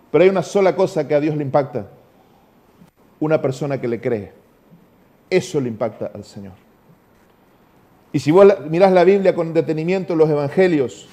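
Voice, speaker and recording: A male Argentine pastor preaching with a noticeably high voice. His tone is mellow and dark rather than bright, and he stretches key phrases slowly before letting them fall low and soft. He speaks with an Argentine Spanish accent. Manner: emphatic preaching with slow, drawn-out phrases that drop to low, quiet endings. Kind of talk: sermon.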